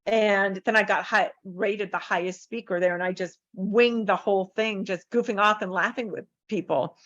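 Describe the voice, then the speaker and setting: A woman coach telling lively stories as a podcast guest, acting out the voices of the people in them. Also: medium pitch, normal speed, dry recording, dull audio. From United States. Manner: animated, acts out voices in her stories. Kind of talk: podcast interview storytelling.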